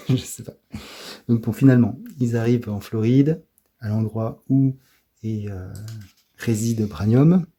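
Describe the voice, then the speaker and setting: A middle-aged man with a French accent giving a soft-spoken ASMR comic review, hesitant and often dropping to a whisper. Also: fairly low pitch, husky. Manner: hesitant, fills pauses with "euh" and "voilà", often drops to a whisper.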